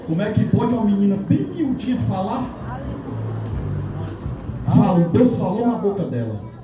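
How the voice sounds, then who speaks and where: A man's voice: sits high, very animated, normal speed, noisy background. A middle-aged man giving a fervent church testimony, acting out the dialogue in his story and rising to exclamations. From Northeast Brazil. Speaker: police officer giving testimony. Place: church hall. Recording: echoey hall mic from far off with congregation.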